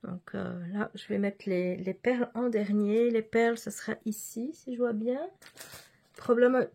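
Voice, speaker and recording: Woman doing a chatty craft vlog, kinda breathy voice, lots of little restarts. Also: fairly high pitch, steady tone, measured pace, mellow. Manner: hesitant, chatty, often restarting words. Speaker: cross-stitch vlogger. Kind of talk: casual show-and-tell vlog.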